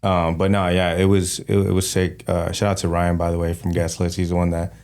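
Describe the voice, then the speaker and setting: Man, low voice, easygoing podcast host, lots of "like" and "uh". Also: brisk, clear, resonant tone. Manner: relaxed, rambling, filler-heavy. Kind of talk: casual podcast interview.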